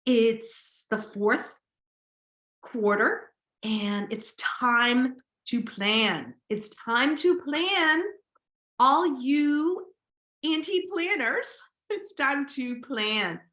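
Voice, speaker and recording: In an echoey room, a woman podcast host chats casually by herself, full of enthusiasm and repeating words to stress them. Her high, fairly bright voice is expressive and draws out words, with a little nasality and a slight sniffle.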